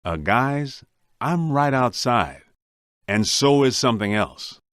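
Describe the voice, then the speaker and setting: A wry, streetwise ghost hunter delivers scripted video-game voice lines, grumbling and wisecracking like a working guy. His pitch is very animated and swings around, his pace is slow, and the recording is dry and close. The mood is wry and questioning.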